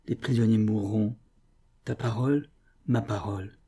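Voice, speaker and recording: A man's voice: on the low side, fairly even intonation, unhurried, gravelly, warm tone, slightly rough, exaggerated voice. A man voicing a proud young woman rebel commander, fierce and commanding, then tearful.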